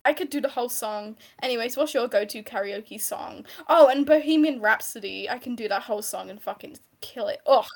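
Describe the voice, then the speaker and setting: A woman's voice: a little high, fairly quick, vocal fry, hardly any pauses. A young woman co-hosting a casual online chat, crude and joking and swearing freely over voice chat. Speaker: podcast co-host.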